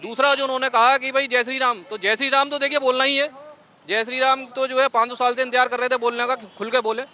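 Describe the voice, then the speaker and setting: A man's voice: very high voice, flat delivery, fast, pushed and bright. A man being interviewed on a city street, speaking earnestly and rambling with many fillers.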